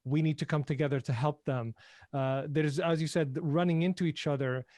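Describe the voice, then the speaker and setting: Podcast host, man from Syria, higher voice, reflective, hesitant, dry close sound. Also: fairly even intonation, moderate pace, darkish tone, no echo. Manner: engaged, reflective, hesitant restarts. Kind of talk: casual interview talk.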